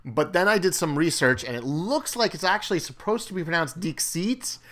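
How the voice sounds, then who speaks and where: A man's voice: fairly high pitch, animated, brisk, fairly bright tone. Man chatting casually about games. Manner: conversational, rambling with fillers and restarts. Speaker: co-host. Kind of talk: casual board game discussion.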